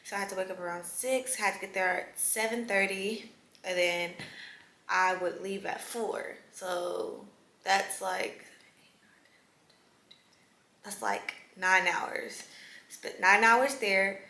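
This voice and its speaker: A young woman in her late teens telling her story in a casual, chatty vlog, animated and prone to whispered asides. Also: mid-range voice, slow pace, pauses often. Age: young adult. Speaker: vlogger. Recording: echoey room with faint ambience.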